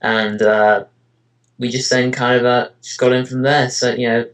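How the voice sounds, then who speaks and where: With a mid-range voice, flat delivery and normal speed, a male interviewee answers questions in a relaxed chat. He voice-acts as an amateur and makes web parodies, and his answers wander hesitantly, peppered with "you know" and "kind of."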